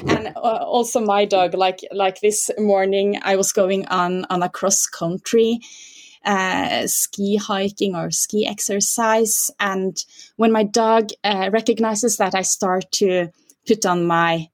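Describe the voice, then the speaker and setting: A woman in her forties from Norway with a Norwegian accent, a guest answering interview questions with many pauses, fillers and restarts. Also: mid-range voice, steady tone.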